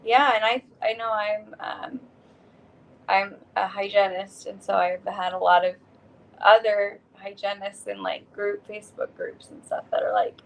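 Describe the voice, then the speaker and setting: A young woman guest chatting casually on a podcast, giggling often and pausing with hesitant fillers. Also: medium pitch, steady tone, poor audio. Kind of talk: casual chat.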